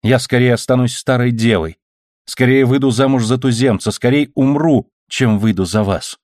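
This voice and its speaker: A man reading the part of a proud young noblewoman who answers in firm, offended, sharp retorts. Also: medium pitch, moderate pace, no echo, studio quality, natural voice. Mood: scornful. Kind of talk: audiobook character reading.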